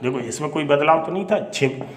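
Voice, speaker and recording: A man's voice: fairly high pitch, brisk, roomy sound, slight background noise. A man teaching Hindi grammar, explaining step by step, repeating words and asking rhetorical questions. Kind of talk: classroom lesson.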